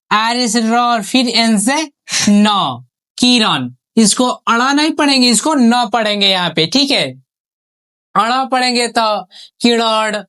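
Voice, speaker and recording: A woman teacher giving an online spelling lesson. She asks questions and answers them herself, stretches out each syllable and drops her pitch on each finished word. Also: a bit bright, clear, resonant tone.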